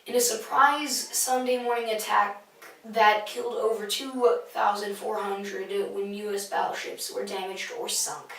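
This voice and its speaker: A woman's voice: medium pitch, steady tone, unhurried, a bit bright. A young female student reading scripted school announcements in the manner of an intercom broadcast. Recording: echoey, distant school intercom sound, music behind.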